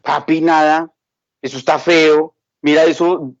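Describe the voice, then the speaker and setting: A man's voice: fairly high pitch, flat delivery, unhurried, no room sound, dull audio. A man putting on a fretful little girl. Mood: worried, pleading. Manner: pleading, insistent. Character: anxious five-year-old girl.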